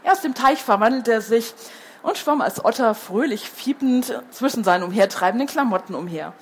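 A woman's voice: a little high, animated, moderate pace, a little hiss or hum. Woman reading a children's story aloud. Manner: hesitant with fillers when speaking freely.

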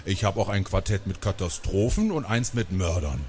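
A man's voice: low voice, animated, normal speed, a little mellow, a little hiss or hum. A man reading aloud, voicing a laid-back, greedy schoolboy with an offhand way of talking.

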